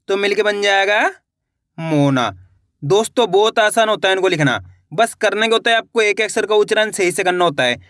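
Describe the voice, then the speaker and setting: A young man teaching children to read Hindi, slowly spelling out each syllable, repeating words and asking questions patiently. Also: high voice, a bit bright, no room sound, studio quality.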